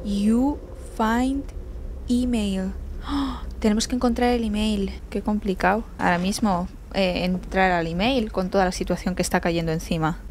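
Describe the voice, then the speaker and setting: A young woman with a Spanish accent from Spain streams a horror game, easily startled into shrieks and curses. She speaks slow, deliberate English to the game between her own quick remarks. Her voice sits at an ordinary pitch over a faint background hiss. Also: a little mellow. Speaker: gaming streamer. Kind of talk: let's play commentary.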